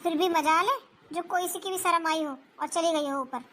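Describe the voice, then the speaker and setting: Skit figure: high, bright voice doing a grumbling older mother-in-law, complaining and self-pitying, faint hiss behind. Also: moderate pace. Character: nagging older mother-in-law with aching knees. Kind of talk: family comedy skit.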